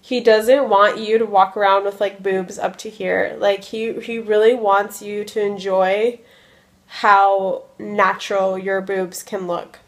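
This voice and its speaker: A US vlogger in her early twenties talks casually while drowsy from medication, wandering off topic and filling gaps with likes and ums. She keeps a level tone in her mid-range voice and speaks slowly.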